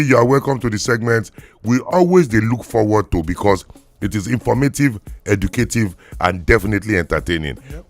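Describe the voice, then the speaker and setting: Animated Nigerian man hosting in Pidgin. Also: lowish voice. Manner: speaks Nigerian Pidgin mixed with English; playful, theatrical build-ups. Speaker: radio show host. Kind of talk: lively talk-show hosting.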